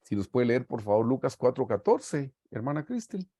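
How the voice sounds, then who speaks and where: Earnest preacher, mellow and dry. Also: male voice, medium pitch, sing-song, moderate pace, husky, dry recording. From Guatemala. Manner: earnest, warm pastoral storytelling, often saying "hermanos". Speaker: Bible study teacher. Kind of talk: sermon-style Bible teaching. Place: home on a video call. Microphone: video call mic.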